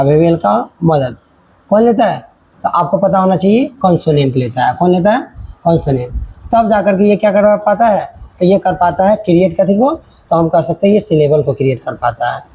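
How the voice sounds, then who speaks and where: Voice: mid-range voice, animated, moderate pace, mellow, husky, low-quality recording. A teacher giving a children's grammar lesson, repeating points and checking in often while mixing in English words.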